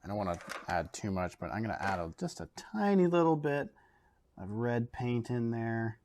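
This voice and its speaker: With a mid-range voice and Canadian English accent, a man leads a laid-back art demonstration as an art educator. He sits at a table in his home studio with a camera overhead, sketching and thinking out loud, using fillers whenever he pauses.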